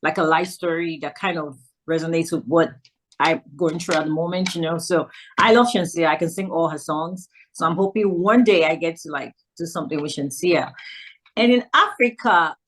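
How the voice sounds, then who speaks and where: A woman's voice: sits low, moderate pace. A woman from Nigeria, a musician guest on a radio show, chatting cheerfully over a video call and laughing often. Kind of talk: casual interview chat.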